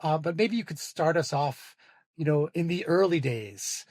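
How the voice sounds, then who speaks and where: A man, a lawyer hosting a podcast, asking questions in a polite, measured way with frequent fillers. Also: fairly high pitch, lively intonation, darkish tone, no echo. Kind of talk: interview hosting.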